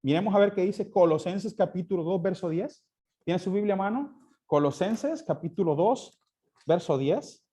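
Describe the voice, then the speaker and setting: A man's voice: sits high, expressive, moderate pace, dark tone. A man teaching a Sunday school class, often asking his listeners questions and answering them himself. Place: church classroom.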